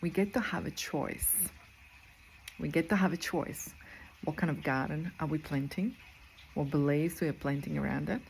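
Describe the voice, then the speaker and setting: In a deep, creaky, slightly mellow voice at a moderate pace, a Croatian woman in her forties with a Croatian accent offers an earnest motivational talk. She is a spiritual coach and medical intuitive who repeats phrases for emphasis, and the rough recording carries noticeable background noise.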